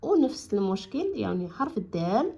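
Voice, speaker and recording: A woman with a Moroccan Arabic accent, teaching a children's reading lesson and stretching each word out slowly before explaining quickly. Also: medium pitch, sing-song, vocal fry, mellow, slightly rough. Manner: slow, drawn-out syllables when modelling words, quicker when explaining.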